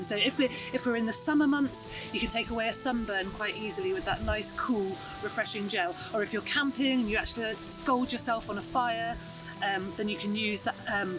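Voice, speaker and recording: This outdoor foraging lesson features a woman in her thirties explaining wild plants in a cheerful, talkative way as she moves through a hedgerow lane and woodland. Her voice sits on the high side, heard from a distance in a low-quality recording.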